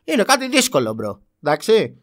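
A young man with a high, very lively voice argues his side in a casual talk, pressing his points and repeating them. He sounds defensive and emphatic as a YouTuber defending his words. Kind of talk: heated casual debate.

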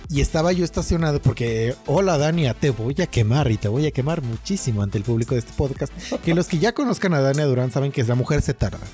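A man's voice: mid-range voice, lively intonation, quick pace, few pauses, warm tone, faint music behind. A man in his thirties with a Mexican accent, co-hosting a casual podcast and telling a personal story, acting out the quoted dialogue. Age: 30s. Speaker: podcast co-host.

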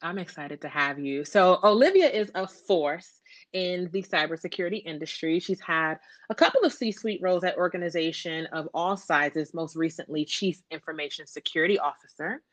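Upbeat low-voiced woman hosting a podcast. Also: moderate pace, no echo. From Atlanta, USA. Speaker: podcast host. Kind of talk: podcast interview.

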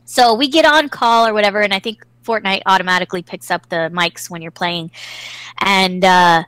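Brief: chatty storyteller, woman, bright, tense voice, laughs a lot, swears casually, dry close sound. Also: medium pitch, steady tone, normal speed, clear, resonant tone, no echo, poor audio.

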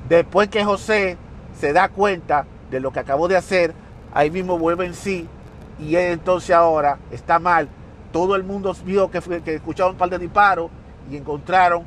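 A man's voice: high voice, a little hiss or hum. Emphatic male podcast host telling a story. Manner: emphatic, critical, repeats phrases. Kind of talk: storytelling monologue.

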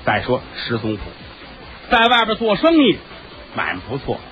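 A man's voice: medium pitch, huge pitch swings, moderate pace, soft background music. A man telling a traditional comic story, with chatty asides to the audience. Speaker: crosstalk storyteller. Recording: dull lo-fi recording with faint hiss.

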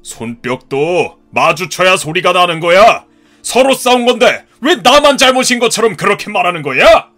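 A man voicing a gruff, hot-tempered ex-marine father in his fifties who scolds and shouts in a cartoon story. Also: high-pitched, very animated, normal speed, faint music behind, exaggerated voice. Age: 50s.

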